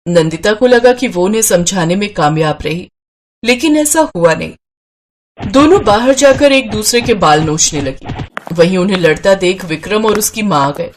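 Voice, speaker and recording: A woman narrating a storybook in a steady, even telling. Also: medium pitch, normal speed.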